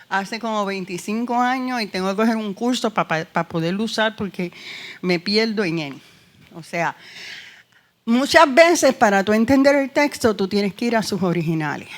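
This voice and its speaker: A woman with a Puerto Rican accent teaching a church discipleship class, emphatic and lively, speaking straight to her students. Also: mid-range voice. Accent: Puerto Rican Spanish.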